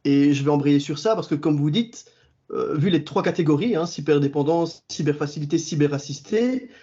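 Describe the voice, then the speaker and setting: Mellow, polite male interviewer. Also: a little high, moderate pace, lo-fi sound. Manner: polite, hesitant with fillers. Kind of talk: interview questions.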